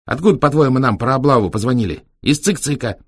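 A cheeky young Roma taxi driver, chattering in sly street slang, as a man reading a storybook plays him. His voice jumps up high and lively above the reader's own. The recording is dry and close. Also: quick pace, husky, no room sound.

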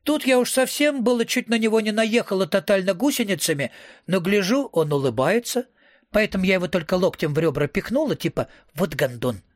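A man's voice: high-pitched, lively intonation, brisk, no room sound, clean studio sound. A man reading a story aloud in first person, in a slangy, wisecracking, profane voice. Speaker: audiobook reader.

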